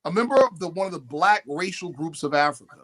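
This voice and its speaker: An emphatic male guest lectures in a talk-show discussion, his lively, slightly husky voice sitting a little high and swinging widely in pitch at a quick pace. He's animated, presses his points, quotes definitions, and mimics other people, on a rough recording.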